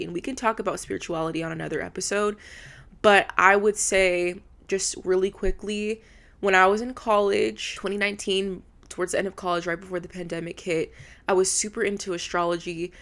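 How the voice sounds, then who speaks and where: Casting note: young woman in her 20s, solo podcast host, candid and heartfelt, casual swearing, slightly low voice. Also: sharp tone. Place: indoors in a rented apartment room.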